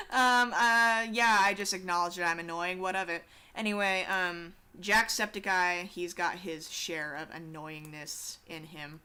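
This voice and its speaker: A teenage girl streams herself drawing and chats casually as she works, rambling, swearing, and making self-deprecating remarks. Her voice sits on the low side, sounding pushed and bright with a clean tone.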